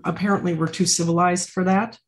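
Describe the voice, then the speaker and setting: A woman's voice: lowish voice, fairly even intonation, fairly quick. A woman hosting a podcast interview who responds to her guest with affirming enthusiasm. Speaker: podcast host. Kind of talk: conversational interview.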